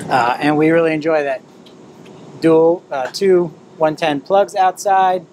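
A man's voice: fairly high pitch, a little hiss or hum. A man in his fifties presenting an informal walk-through product tour, explaining and pointing things out as he moves around. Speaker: presenter of a camper trailer tour. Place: at an outdoor RV display, in and around a small trailer.

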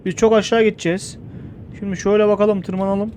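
An excitable young man commentates his gameplay with a fairly high voice, joking and shouting at the screen. A faint hum sits under the recording. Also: fast. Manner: excitable, jokey, yells at the game. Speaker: gameplay streamer.

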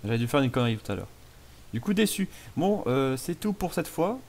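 A man's voice: mid-range voice, big pitch swings, fairly quick, a little mellow. A man casually commentating a video game, playful and self-mocking as he chats with viewers. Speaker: gaming YouTuber. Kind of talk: casual let's play commentary.

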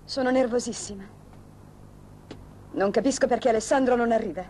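A woman's voice: on the high side, fairly quick, mellow, slight background noise, lightly acted. A woman voicing a spoiled, impatient young woman eager to marry, in a dubbed telenovela. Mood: excited. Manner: impatient, snobbish. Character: spoiled, excitable young bride-to-be. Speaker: daughter.

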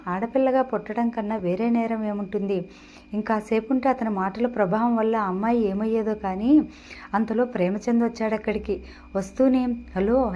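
A woman's voice: medium pitch, mellow, slight background noise. A woman narrating a serialized audio novel, reading the dialogue lightly within the story.

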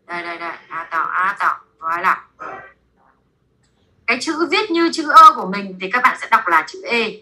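A woman teaching basic French to a class in a classroom, with a Vietnamese accent, repeating words slowly for students to echo. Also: medium pitch, big pitch swings, bright, forceful tone.

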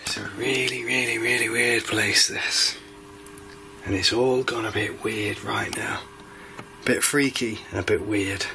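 A man's voice: on the low side, steady tone, a little slow, gravelly. A man investigating the paranormal who sounds uneasy and coaxes a spirit to make contact. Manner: uneasy, then coaxing a spirit to show itself. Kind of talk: calling out during a ghost-hunting vigil. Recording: noisy night-vision field recording.

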